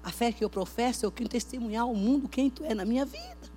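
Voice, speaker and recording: A woman preaching a Pentecostal sermon at a church service, emphatic, swinging between loud outbursts and hushed talk. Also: fairly high pitch, animated, quick pace, a little hiss or hum.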